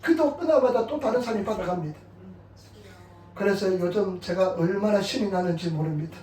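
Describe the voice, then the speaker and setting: A middle-aged man pastor giving a sermon with personal testimony, telling his stories in an animated way and chuckling along. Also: sits high, fairly quick. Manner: animated storytelling, chuckling at his own anecdotes. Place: church sanctuary. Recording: echoey church hall, mic at a distance.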